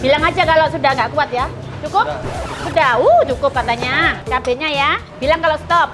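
A woman hosts an eating show in a high voice. She chats to viewers playfully, exclaiming as she eats spicy soup and meatballs. Loud music plays under her talk. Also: animated, a little fast, over a noisy crowd. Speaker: food vlogger host. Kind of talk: mukbang vlog chat to viewers. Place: small eatery, indoors.

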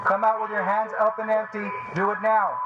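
A man calls out stern orders through a megaphone, his high, amplified voice ringing from a distance. The sound is dull and muffled, with steady street and traffic noise underneath. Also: moderate pace. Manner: commanding, repeated orders. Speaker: police officer. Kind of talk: loudspeaker callout. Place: outdoors on a city street.

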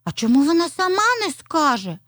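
A woman voicing a little girl fox cub, eager and curious, with a high, lively childlike voice in a storybook tale. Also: normal speed, dry recording, clean studio sound. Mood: surprised.

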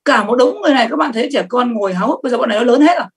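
A middle-aged woman giving a sales training talk, lively and emphatic, often asking the audience questions. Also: fairly high pitch, rapid-fire, husky.

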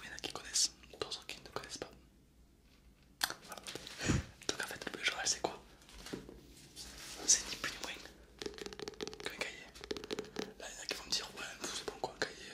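A young man whispering softly in an informal, chatty ASMR style, speaking directly to viewers into a close binaural microphone. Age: young adult. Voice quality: soft unvoiced library-style whisper. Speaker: ASMR video host. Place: small indoor setup. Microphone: close binaural ear-shaped microphone.

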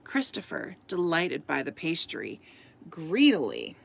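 A woman reading a storybook aloud as a podcast host, soft-spoken and at times dropping into a whisper. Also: sits low, huge pitch swings, slow pace, gravelly.

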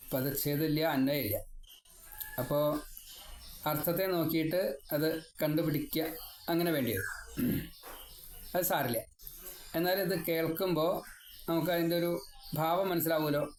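A man's voice: on the high side, slight background noise. Man teaching scripture in an echoey room. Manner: chanting Sanskrit verses slowly, then explaining in conversational Malayalam; rambling, personal, wry asides. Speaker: Bhagavatam teacher. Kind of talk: devotional scripture lesson. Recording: echoey room with faint ambience.

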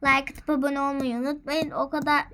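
A woman's voice: high voice, flat delivery, a little fast, sharp tone, slight background noise. A young woman with a Turkish accent, playfully narrating her game to viewers in a dramatic, chatty way. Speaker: gaming vlogger. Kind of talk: casual game commentary.

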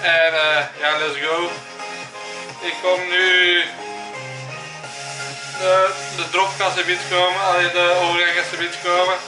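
Young Flemish man for vlog chat, rather high voice, leisurely pace, English catchphrases mixed in. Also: little pitch movement, a little slow, pauses often, music in the background. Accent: Flemish Belgian. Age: 20s. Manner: peppers talk with English phrases. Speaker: vlogger. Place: small room at home. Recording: roomy, echoey home recording.

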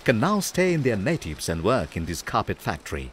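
A man giving scripted documentary narration in a measured, formal way. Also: fairly low pitch, wildly swooping pitch, a little hiss or hum.

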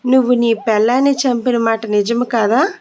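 A woman voicing a harsh, quick-tempered male prison jailer who questions sharply and with scorn. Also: on the high side, fairly even intonation, darkish tone, close to an everyday voice. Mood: scornful.

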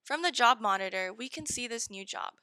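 Woman, bright higher voice, dry close sound, short tutorial instructions. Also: lively intonation, a little fast, dry recording, poor audio. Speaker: software demo presenter. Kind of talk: step-by-step software tutorial narration.

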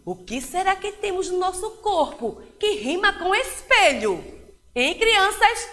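A woman teacher leading a reading lesson for young children, drawing out words slowly in a sing-song way. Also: extremely high pitch, sing-song, fairly bright tone. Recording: echoey roomy hall.

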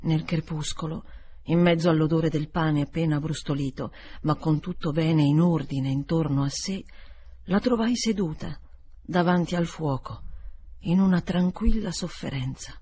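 A woman narrating a literary novel for an audiobook in a measured, expressive reading style. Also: sits low, slight background noise. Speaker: audiobook reader.

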